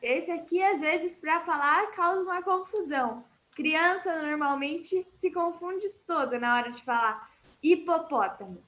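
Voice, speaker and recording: A woman's voice: extremely high pitch, unhurried, a bit bright. A woman with a Brazilian accent teaching Portuguese vocabulary in an online class, explaining patiently and repeating words for her students.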